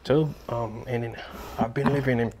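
A man from Haiti, answering in a studio interview, halting with many fillers and repeated words. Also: mid-range voice, fairly even intonation, background noise. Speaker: guest, English student.

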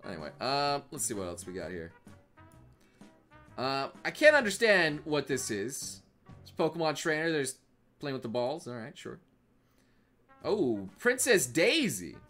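Bright, lively young-sounding male streamer. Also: a little high, moderate pace, pauses often, soft background music. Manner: rambling, repeats himself, swears often. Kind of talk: live stream meme reaction commentary.

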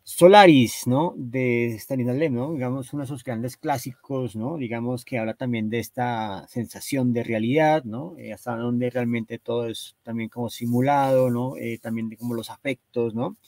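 A man's voice: mid-range voice, fairly even intonation, normal speed, few pauses, a little mellow, no echo. A man giving an explanatory talk on cover art, hesitant and constantly checking in with his listeners. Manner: hesitant, constantly tags phrases with "¿no?" and "¿cierto?". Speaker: lecturer presenting book cover art.

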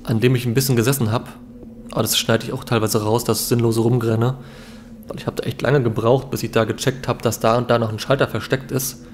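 A man's voice: mid-range voice, flat delivery, a little fast, slight background noise. A young man giving casual let's play commentary in a laid-back, musing way. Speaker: let's player. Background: game ambience.

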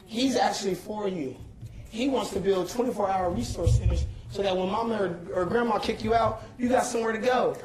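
Young man, urgent pleading public address, repeats himself, high-pitched, echoey hall recording. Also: fairly quick. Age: young adult. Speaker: protester addressing a council meeting. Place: large crowded council chamber. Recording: echoey chamber with loud crowd. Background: shouting crowd.

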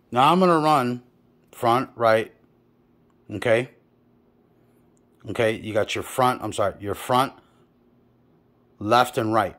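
A man's voice: lowish voice, a bit bright. A man who installs car audio, explaining wiring and telling a customer story in a blunt, profane, casual way.

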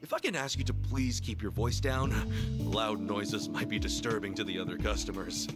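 An actor playing a modest, earnest job counselor in a video game, speaking formally and courteously but firmly. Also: male voice, lowish voice, moderate pace, over loud music, lightly acted. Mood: calm, firm.

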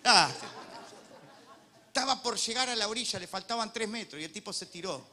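A man with a Rioplatense Argentine accent preaching a sermon as pastor, joking, animated, and swinging from loud preaching to quiet asides. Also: high-pitched, brisk. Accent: Rioplatense Spanish.

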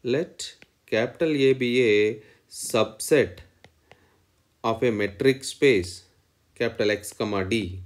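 A man's voice: mid-range voice, slow pace, pauses often. A man lecturing in mathematics, dictating definitions in short phrases and repeating each one as he writes.

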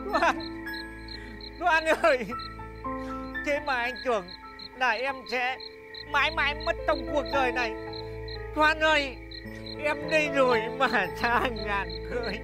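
An actor playing a melodramatic, half-mad young man who wails and exclaims loudly in a slapstick comedy film. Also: full character voice. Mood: lamenting. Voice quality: high, wailing and exaggerated. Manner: loud exclamations and theatrical laments. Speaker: lovesick half-mad son. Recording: background music under dialogue.

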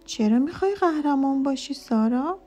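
A woman voicing a gentle, mysterious voice that speaks out of the dark in a children's story. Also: high voice, expressive, soft background music.

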